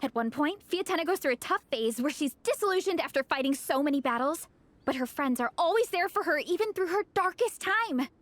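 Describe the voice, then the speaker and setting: A woman's voice: sits high, animated, brisk, fairly bright tone, dry recording. A woman voicing an eager young woman who leads a fan club, earnest and enthusiastic. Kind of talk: game dialogue.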